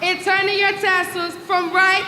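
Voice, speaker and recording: A young woman, the senior class president, excitedly addressing her graduating class through a podium microphone over loudspeakers in a school gym. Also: extremely high pitch, measured pace, noisy background. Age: young adult. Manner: excited, shouting to the crowd. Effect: speaking into a podium microphone over loudspeakers. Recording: distant echoey gym PA, loud crowd.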